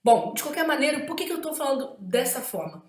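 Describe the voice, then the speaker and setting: A woman's voice: high-pitched, lively intonation, fairly quick, reverberant. A woman with a Brazilian Portuguese accent gives an exam-prep writing lesson, emphatic and often checking in with tag questions.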